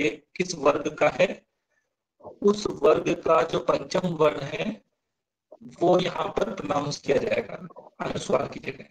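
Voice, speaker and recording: A male teacher explains pronunciation to his class at an unhurried pace, breaking each point into small steps and checking in with students. His voice sits slightly high with a gravelly, fry-laced edge. He sounds out verses slowly, syllable by syllable. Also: poor audio. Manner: patient, stepwise, asks students questions. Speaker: Sanskrit teacher.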